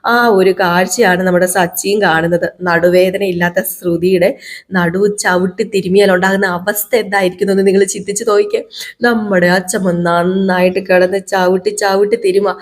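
A woman's voice: medium pitch, little pitch movement, fairly quick. A woman casually retelling a TV serial episode for her viewers, chatting with them directly. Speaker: serial recap vlogger.

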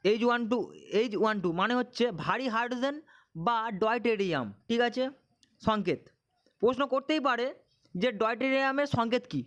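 Guy with a really high voice, teaching exam stuff, keeps repeating and asking questions. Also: brisk, a bit bright. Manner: repetitive, drilling questions and answers. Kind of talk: exam-prep chemistry lesson.

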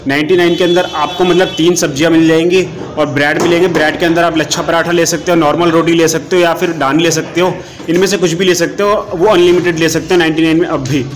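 Slightly high and steady, this young man's voice moves at a quick pace over slight background noise. Filming a small restaurant on a phone held at arm's length, the food vlogger gives a chatty tour and addresses viewers as "brother."

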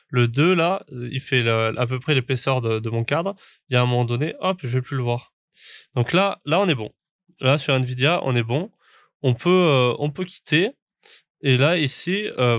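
A man talks through a racing setup tutorial, stopping and restarting his sentences. His voice sits at a middle pitch. It is recorded dry and close on a desk microphone at home. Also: dry recording. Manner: rambling with many fillers and restarts. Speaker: sim racing YouTuber. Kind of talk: casual tutorial walkthrough. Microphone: studio microphone at a desk.

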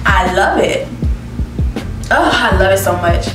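Speaking slowly at medium pitch, a young beauty vlogger casually reviews perfumes on camera, reading out descriptions and reacting with expressive laughs. She is indoors in a living room with plants, with music behind her. The distant, set-back mic gives the recording a roomy echo.

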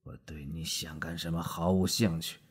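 A man's voice: rumbling low, fairly even intonation, moderate pace, husky, full character voice. A man voicing a cold, contemptuous middle-aged doctor who speaks curtly and icily. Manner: curt, clipped and icy.

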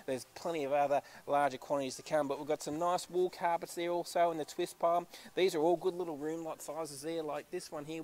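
A man's voice: fairly high pitch, slight background noise. A man walking through a warehouse, talking up auction stock in chatty, upbeat sales patter. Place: carpet warehouse, indoors. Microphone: handheld camera, filming while walking.

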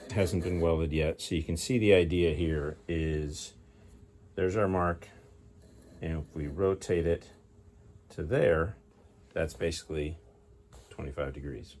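A man's voice: sits low, darkish tone. A middle-aged man in casual narration of his work in a garage, thinking aloud as he explains each step. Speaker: hobby car restorer. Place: garage workshop.

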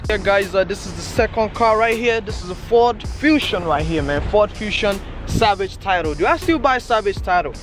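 A man in his twenties vlogs from an outdoor car auction lot, holding the camera at arm's length and preaching casual hustle advice while repeatedly calling people "man" and "bro." His voice sits high, at normal speed with hardly any pauses, over background music.

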